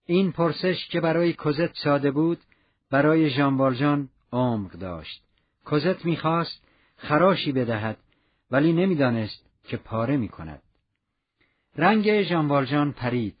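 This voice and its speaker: A man narrating a classic novel in measured, literary scripted narration. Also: a little high, animated, slightly rough. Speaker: audiobook narrator. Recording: dull lo-fi recording.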